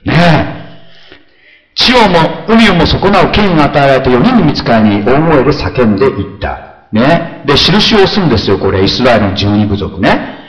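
Animated male pastor preaching in a roomy hall. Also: mid-range voice, moderate pace. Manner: animated, shifts between soft asides and loud exclamations; conversational, asks the congregation questions. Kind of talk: sermon.

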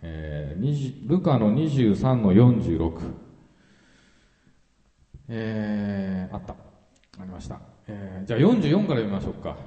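A male pastor giving a sermon in a calm, explanatory way, reading scripture aloud with frequent fillers. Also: on the low side, unhurried, pauses often, echoey room, in a large hall, dull audio.

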